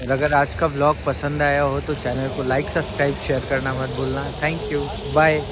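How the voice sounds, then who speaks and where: Young man, from Prayagraj, casual travel vlog, phone selfie mic, loud street noise. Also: on the high side, flat delivery, moderate pace. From Prayagraj, India. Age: young adult. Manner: chatty, addresses viewers as guys and brother. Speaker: vlogger. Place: train station, taxi, hotel room, city streets. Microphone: phone selfie at arm's length.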